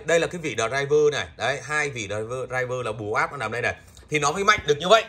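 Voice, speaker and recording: A man with a husky voice giving an off-the-cuff, pushy hard-sell product pitch, repeating himself with emphatic claims. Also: pushed and bright. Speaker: online seller of used audio amplifiers. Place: indoors, beside the goods on a patterned cloth.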